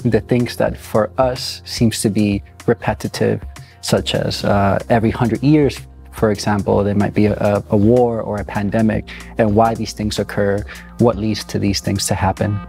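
Low, flat-voiced man in a dance studio. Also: normal speed, creaky, faint music behind. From Puerto Rico, raised in New York City. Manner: thoughtful, with many fillers and restarts. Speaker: choreographer. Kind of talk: interview.

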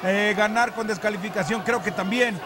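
High-pitched Mexican male wrestling commentator. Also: fairly even intonation, moderate pace. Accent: Mexican Spanish. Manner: emphatic, repeats phrases. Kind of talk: excited live lucha libre commentary. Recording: loud arena crowd behind commentary. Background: cheering arena crowd.

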